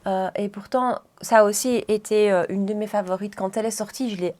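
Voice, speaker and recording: A woman's voice: medium pitch, steady tone, brisk, darkish tone. A woman chatting casually through a makeup tutorial, rambling and often correcting herself mid-sentence. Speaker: beauty vlogger.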